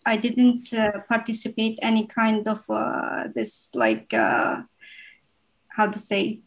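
A woman's voice: fairly high pitch, low-quality recording. A woman in her thirties whose first language is Uyghur, a panel guest speaking politely and sometimes searching for words. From Uyghur, from China. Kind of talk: personal testimony on a panel.

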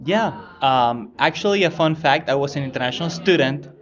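A man from Venezuela being interviewed as a guest, talking in a relaxed way with many fillers. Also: fairly high pitch, fairly quick, dull audio. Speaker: guest, education company manager. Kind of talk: conversational interview. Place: busy conference floor. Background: crowd chatter.

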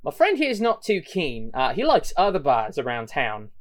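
A man voicing a sly, menacing male gang leader with a high, mocking tone. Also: wildly swooping pitch, moderate pace. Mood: taunting. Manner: mocking, high-pitched sneer.

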